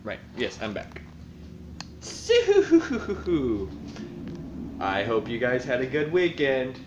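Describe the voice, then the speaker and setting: A man with a mid-range voice and moderate pace vlogs casually about the tabletop campaign he runs as dungeon master. He thinks aloud and rambles with lots of fillers. The home room recording is roomy, dull and lo-fi, with background noise.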